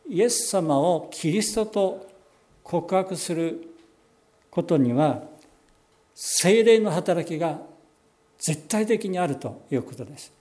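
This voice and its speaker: A pastor giving a sermon, explaining scripture in a measured way and slowing down on key phrases. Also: male voice, a little high, animated, dark tone. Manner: measured, explanatory preaching with slowed emphatic phrases.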